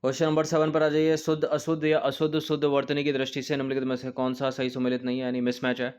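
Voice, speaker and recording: A man's voice: mid-range voice, completely flat delivery, fast talker, a little mellow, clear, resonant tone, highs cut off. A male coaching teacher walking through an exam test paper, explaining each answer step by step and repeating key points. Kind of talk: test-paper walkthrough lesson.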